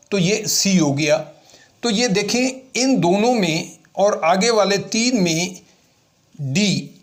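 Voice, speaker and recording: A male teacher giving a classroom lecture, often asking a question and then answering it himself. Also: sits high.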